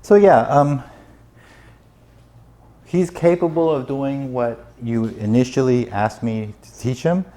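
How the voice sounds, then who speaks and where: Mellow-voiced man explaining dog training. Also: medium pitch, slow, pauses often. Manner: patient, instructive.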